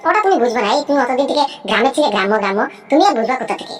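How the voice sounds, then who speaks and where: A woman's voice: on the high side, animated, lightly acted. A woman voicing a greedy boastful cartoon sister-in-law. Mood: bragging. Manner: rapid nonstop chatter, keeps asking if you understood. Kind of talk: cartoon voice acting.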